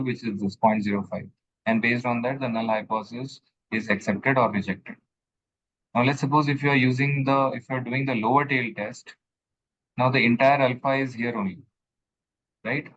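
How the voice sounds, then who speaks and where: A man's voice: medium pitch, steady tone, moderate pace, a bit bright, dull audio. A male instructor explaining statistics step by step in a screen-share lesson recording, often checking that his student follows.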